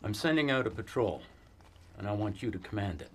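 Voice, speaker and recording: An actor playing a weary cavalry fort commander in a western film, giving measured, authoritative orders. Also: male voice, lowish voice, expressive, a little hiss or hum, natural voice. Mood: stern. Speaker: army post commander.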